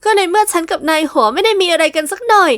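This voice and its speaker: A woman voicing a tearful eighteen-year-old housemaid girl who pleads in a high, whiny voice. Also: moderate pace, fairly bright tone, no room sound, studio quality. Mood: pleading upset.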